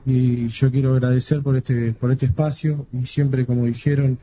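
A young man in his twenties, a defendant, giving a formal, halting apology and repeating his words. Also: mid-range voice, flat delivery, warm tone, a little hiss or hum. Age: 20s. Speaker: defendant making a statement in court. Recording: dull court audio with faint ambience.

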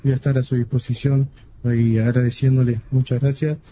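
A young man in his twenties, a defendant, giving a formal, halting apology and repeating his words. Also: medium pitch, flat delivery, mellow, a little hiss or hum. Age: 20s. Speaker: defendant making a statement in court. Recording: dull court audio with faint ambience.

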